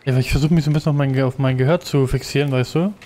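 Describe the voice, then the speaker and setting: A man's voice: medium pitch, fairly even intonation, racing, dark tone, slight background noise. A man chatting casually with a co-player while playing a video game. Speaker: let's play gamer. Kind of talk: casual gaming chat with a co-player.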